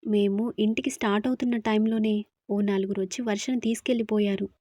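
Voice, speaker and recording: A woman voicing an anxious young man who haltingly reports bad news in a storybook. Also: mid-range voice, fairly even intonation, warm tone, no room sound, lightly acted. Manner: halting, flustered.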